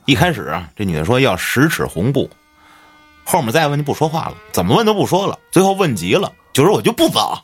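A podcast host tells a ghost story in a colloquial, swear-heavy style, his pitch swinging dramatically. He speaks quickly and with great animation, his voice carrying a breathy edge. Soft music plays in the background.

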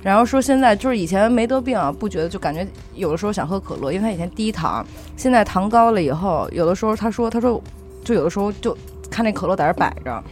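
A woman's voice: mid-range voice, quick pace, faint music behind. A young woman, chatting casually on a podcast and telling emotional stories about her mother, often asking "you know?". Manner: emotional, animated storytelling with frequent "you know?". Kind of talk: casual chat.

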